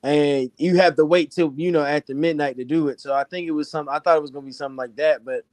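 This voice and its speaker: A man co-hosting a sports podcast, hoarse from screaming, telling stories in an animated, excitable way. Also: on the high side, no echo. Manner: animated storytelling, fast and excitable. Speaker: podcast co-host.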